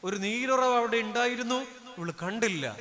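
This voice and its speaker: A priest preaching a sermon, a man who swings from loud declamation down to low hushed asides. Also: normal speed, crowd noise. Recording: long hall reverb.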